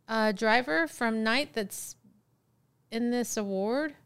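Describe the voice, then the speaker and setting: A woman's voice: fairly high pitch, slow, fairly bright tone, clear, resonant tone, no echo. A woman co-hosting a podcast, teasing playfully and laughing a lot in casual chat. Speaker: podcast co-host.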